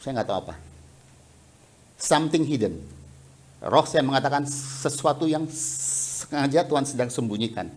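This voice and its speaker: A man preaching a sermon in a church, chatty and animated, breaking into laughter, on a headset mic. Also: mid-range voice, normal speed, long pauses. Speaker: pastor. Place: church sanctuary. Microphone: headset mic resting on the cheek.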